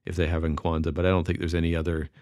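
A man's voice: sits low, completely flat delivery, very fast, a little mellow, no echo, clean studio sound. A tired man co-hosting a podcast, chatting casually and rambling with lots of fillers. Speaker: podcast co-host. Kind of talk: casual chat.

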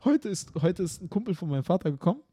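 Animated male podcast storyteller. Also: sits high, rapid-fire, slightly rough. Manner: animated storyteller, tag questions, acts out scenes. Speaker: podcast co-host, comedian. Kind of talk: casual chat.

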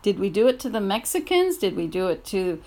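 A woman's voice: mid-range voice, big pitch swings, a little fast, a little mellow. A woman delivering an angry, blunt personal rant at home at night, swearing and rising into outbursts. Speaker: audio blogger.

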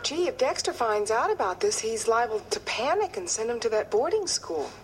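An eager starstruck young woman, high lively voice, noisy old TV audio. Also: normal speed. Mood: awed. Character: eager, wide-eyed young woman, easily impressed. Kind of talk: 1980s sitcom acting.

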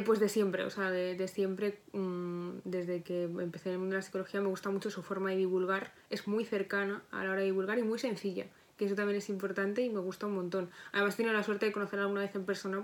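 A young woman, a psychologist chatting as a podcast guest in a reflective, self-correcting way. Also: mid-range voice. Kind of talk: casual podcast interview.

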